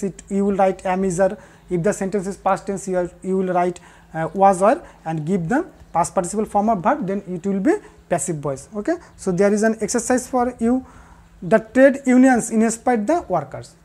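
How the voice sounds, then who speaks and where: A woman teaching a class, repeating the key answers and pausing with fillers. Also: mid-range voice, mellow. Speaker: English teacher. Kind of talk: recorded classroom lesson.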